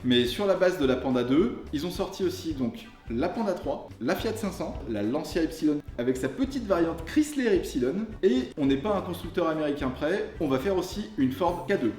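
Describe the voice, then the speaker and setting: A man presents a car review in a jokey, colloquial style. His voice sits a little high. The sound is somewhat roomy and echoey, with music playing underneath. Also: darkish tone. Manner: jokey, colloquial, tongue-in-cheek. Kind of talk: casual car review to camera.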